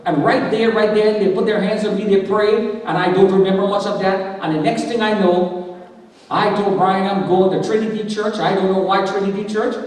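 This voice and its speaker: A man giving a dramatic testimony as guest speaker in church, acting out the words of the people in his story. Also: high voice. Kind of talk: testimony sermon. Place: church sanctuary. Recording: echoey church hall from far off.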